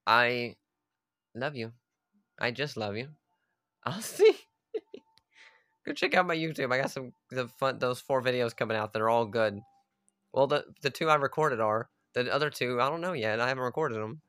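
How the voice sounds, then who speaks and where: A man's voice: mid-range voice, brisk, clear, resonant tone, dry recording, clean studio sound. A man delivering a casual, rambling rant about video games, swearing often and laughing at himself. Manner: swearing, animated, self-deprecating, laughs often. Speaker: YouTuber ranting about games.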